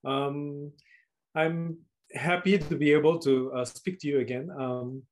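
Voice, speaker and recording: A man with a Singaporean accent answering interview questions casually, often pausing and rephrasing mid-sentence in a hesitant way. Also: a little high, fairly even intonation. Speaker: guest, writer and researcher.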